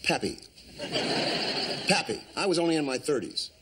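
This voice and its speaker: An actor playing a touchy middle-aged retired football coach with wounded pride, who complains in a whiny, self-pitying way. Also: male voice, fairly high pitch, lively intonation, normal speed, close to an everyday voice. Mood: aggrieved. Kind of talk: sitcom acting. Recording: sitcom recording with background noise.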